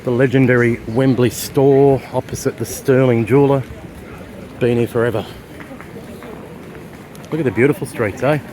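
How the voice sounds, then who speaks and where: Strolling city streets outdoors, an Australian man with an Australian accent rambles chattily through a walking tour for his travel vlog, using plenty of fillers. His medium-pitched voice is dark-toned and fairly even in intonation, at a moderate pace with frequent pauses, and street noise runs in the background.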